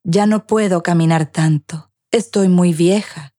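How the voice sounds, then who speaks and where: Old grandmother voiced by a woman narrator: stubborn, tired, firm, speaks low and steady. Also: measured pace, dry recording, studio quality, close to an everyday voice. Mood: calm, firm.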